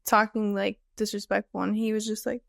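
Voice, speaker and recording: Gravelly woman co-hosting, dry sound. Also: mid-range voice, little pitch movement, a little fast, no room sound. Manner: chiming in, casual, swearing. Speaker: co-host, sister. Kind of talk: casual chat.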